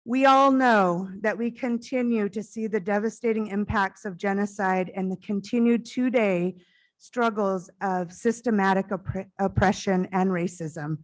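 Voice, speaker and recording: At a conference, a middle-aged woman gives a keynote into a stage microphone, captured in a low-quality recording. Her voice is naturally loud, carries well and sits at a typical pitch for a woman, and her heartfelt, earnest delivery occasionally surges forward in quick bursts.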